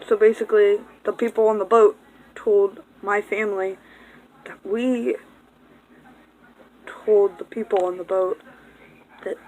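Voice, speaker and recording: A woman's voice: mid-range voice, flat delivery, unhurried, pauses often, a little mellow, rough recording. A young woman vlogger telling a rambling, casual story, swearing freely and breaking off for distracted asides.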